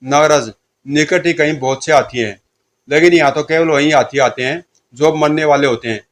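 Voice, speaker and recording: A man's voice: a little high, normal speed, close to an everyday voice. A man voicing an uneasy young male companion who suspects a mystery. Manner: uneasy, suspicious.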